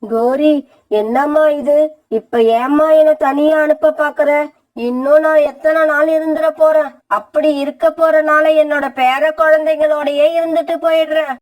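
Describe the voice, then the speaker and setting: Brief: woman as an old, high-voiced cartoon grandmother crow, plaintive and pleading. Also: steady tone, normal speed, close to an everyday voice. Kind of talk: cartoon voice acting.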